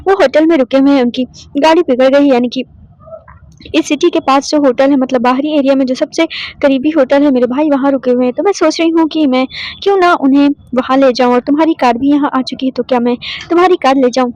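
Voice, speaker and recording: A woman voicing an anxious young woman who explains in a hurried, pleading way. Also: high voice, a little mellow, natural voice. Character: anxious young woman, worried about family. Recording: dull, dry lo-fi voice recording.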